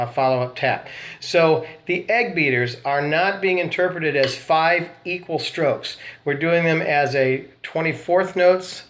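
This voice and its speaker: Male drum instructor, somewhat high, calm count-offs, noisy recording. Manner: calm, counting off and calling rudiments. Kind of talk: instructional demonstration.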